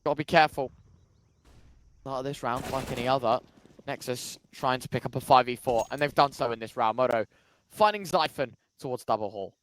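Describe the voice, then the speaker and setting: A man's voice: medium pitch, fairly quick, a bit bright. A man working as an esports caster, commentating on a shooter match. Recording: gunfire and game noise behind. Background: video game gunshots and clicks.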